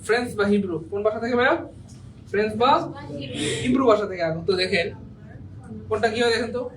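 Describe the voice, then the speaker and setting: A man's voice: high-pitched, a little fast. A male teacher, leading an exam-prep grammar class and quizzing students with repeated questions and jokes.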